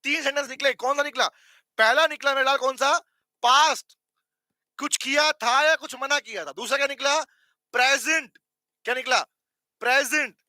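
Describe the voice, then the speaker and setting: Indian male lecturer, very high and bright voice, dry close mic, keeps asking students to reply. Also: moderate pace, long pauses, dry recording. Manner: addresses students as beta, asks for replies, repeats points; mixes English terms into Hindi. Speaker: teacher. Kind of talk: online commerce law lecture.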